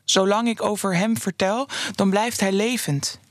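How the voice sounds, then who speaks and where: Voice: mid-range voice, a little slow, no echo, studio quality, lightly acted. A narrator reading the quoted lines of an old man in his eighties looking back on a friend, in a plain reflective voice with little acting. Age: 80s.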